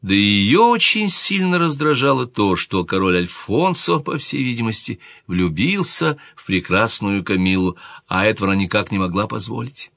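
A man narrating a historical tale in a measured audiobook reading. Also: fairly low pitch, lively intonation, gravelly, fairly bright tone, no echo, clean studio sound. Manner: measured storytelling.

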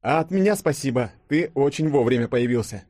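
A man reading an audiobook, voicing a jumpy, sarcastic young man with a strained, high voice. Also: animated, a little fast, darkish tone, dry recording, clean studio sound, natural voice. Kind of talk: audiobook character voice.

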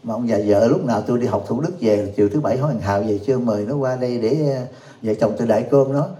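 Before a live audience, a man delivers a funny Buddhist Dharma talk, laughing a lot, cracking jokes and constantly questioning his listeners. He speaks quickly in a mellow, mid-range voice, recorded in an echoey room.

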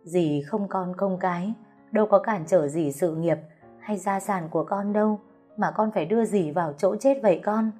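A woman's voice: medium pitch, normal speed, warm tone, soft background music, close to an everyday voice. A woman doing a weepy older second wife. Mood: tearful. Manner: tearful, wailing.

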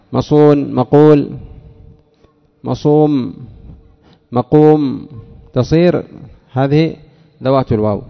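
A man's voice: fairly high pitch, gravelly. A man teaching a lesson on grammar, asking questions and answering them himself, repeating key words. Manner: addresses a student by name. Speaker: teacher of Arabic morphology. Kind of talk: classroom lesson explaining a text. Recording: dull lo-fi recording with long hall reverb.

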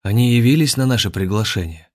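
A man's voice: medium pitch, quick pace, darkish tone, pitched above the performer's own voice, natural voice. A man voicing a scheming villainous male grandmaster who leads a cult, venomous and commanding. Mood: sly, mocking.

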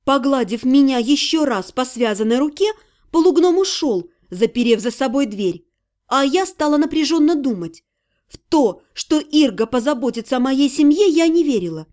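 A woman narrating a first-person fantasy audiobook in an expressive, measured way. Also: high-pitched.

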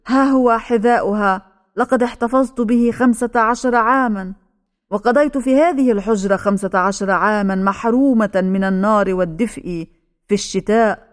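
A woman's voice: mid-range voice, natural voice. A woman voicing a desperate old mother, a recluse who shields her daughter and pleads with soldiers in an audiobook. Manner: pleading, frantic cries.

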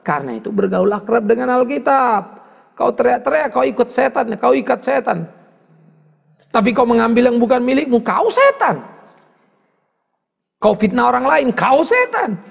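Gravelly preacher in an echoing hall. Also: male voice, extremely high pitch. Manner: animated preaching, mocking asides and rising exclamations. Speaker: pastor. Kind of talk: sermon. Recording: long hall reverb.

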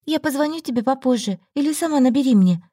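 A woman voicing an anxious, caring young female friend in an audiobook, her voice raised high. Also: lively intonation, dark tone, dry recording, clean studio sound. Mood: worried. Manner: anxious, fast-talking, high-pitched. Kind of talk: audiobook story reading.

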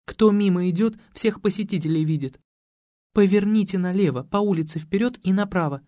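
Мужчина, озвучивающий болтливую пугливую молодую женщину, которая щебечет и хнычет. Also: male voice, high-pitched, a little fast, mellow, no echo, studio quality, pitched above the performer's own voice, natural voice. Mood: chattering. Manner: chirping, whiny, pleading. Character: young woman, chattering, jumpy and gossipy.

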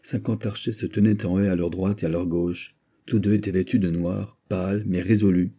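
A man narrating a classic novel as an audiobook in a steady, measured reading. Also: deep voice, husky.

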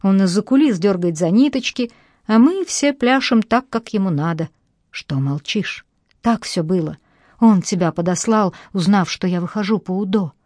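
A woman's voice: mid-range voice, expressive, moderate pace, darkish tone, dry recording, studio quality, natural voice. A woman reading the part of a bitter adult man who speaks curtly and with hostility. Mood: cold, hostile. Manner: curt and hostile. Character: harsh, cold adult man, bitter ex-convict.

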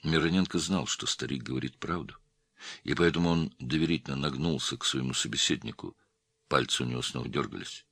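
A male narrator reading an audiobook with steady storytelling. His voice is extremely deep, gravelly and husky. The recording is dry and close. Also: fairly quick, dry recording. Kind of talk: scripted narration.

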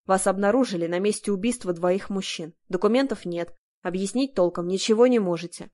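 A woman's voice: medium pitch, a little fast, darkish tone, lightly acted. A woman voicing a stern, weary male police investigator with a dry, tired manner, read for an audiobook.

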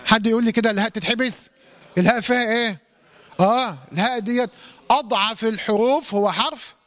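High-voiced Egyptian tajweed teacher. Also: male voice, a bit bright. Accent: Egyptian Arabic. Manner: quizzes the class with questions, demonstrates recitation slowly. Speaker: Quran recitation teacher. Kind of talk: lesson to a class.

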